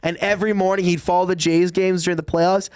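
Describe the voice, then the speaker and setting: A man's voice: high voice, flat delivery, fast talker, a loud crowd. A man co-hosting a casual sports podcast, rambling and repeating words as he jumps into the conversation. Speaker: podcast co-host.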